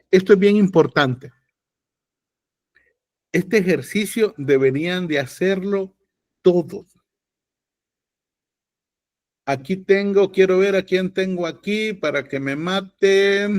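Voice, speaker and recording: A man's voice: fairly high pitch, a little mellow, no room sound, clean studio sound. A man with a Salvadoran accent teaching podcast acting in an online class, blunt and joking with emphatic advice. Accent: Salvadoran Spanish. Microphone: video call.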